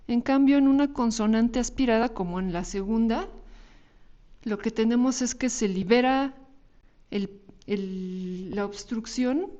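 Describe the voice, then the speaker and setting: A woman's voice: a little high, warm tone, dull audio. A woman with a Mexican Spanish accent giving a recorded university lecture over slides, explaining patiently and often checking in with tag questions. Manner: explanatory, frequent tag questions and small restarts.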